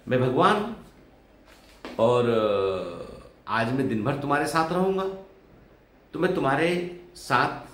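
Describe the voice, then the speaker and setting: A man voicing a gentle male god who speaks calmly and reassuringly in a storytelling vlog. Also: medium pitch, slow, pauses often, pitched above the performer's own voice. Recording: roomy echo.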